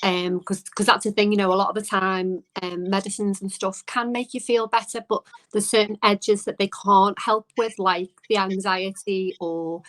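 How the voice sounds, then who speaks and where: A woman's voice: mid-range voice, steady tone, moderate pace, hardly any pauses, fairly bright tone, rough recording. A woman interview guest explaining her views and experiences in a casual, reflective, conversational way. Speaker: interview guest, small business owner.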